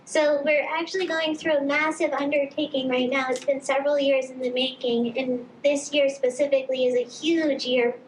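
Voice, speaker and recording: A woman's voice: sits high, flat delivery, moderate pace, hardly any pauses, slight background noise. A woman speaking as a panelist at a conference, upbeat and explanatory. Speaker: marketing panelist. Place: conference stage. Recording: echoey conference hall.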